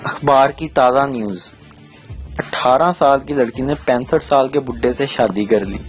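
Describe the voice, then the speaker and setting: Brief: male joke narrator, steady scripted delivery, slightly muffled recording. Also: mid-range voice, moderate pace. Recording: slightly dull sound with faint music.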